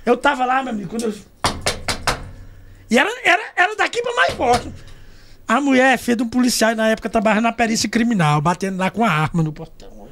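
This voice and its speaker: Animated, gravelly middle-aged man. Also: very high voice, fast talker, slight background noise. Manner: loud, animated, laughing storyteller. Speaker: podcast guest, journalist. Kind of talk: casual storytelling chat.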